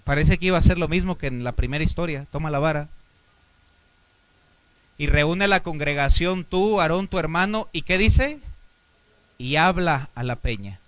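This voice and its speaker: A Mexican man, a pastor, preaching a sermon with a Mexican Spanish accent. He poses rhetorical questions to the congregation and swings between loud exhortation and quiet asides. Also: fairly high pitch, moderate pace, long pauses, no room sound.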